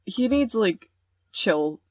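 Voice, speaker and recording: A woman's voice: medium pitch, lively intonation, slow pace, dry recording. A young woman playing a romance game, reading the story aloud and joking in slang. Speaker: let's play host. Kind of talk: game let's play, narration with commentary.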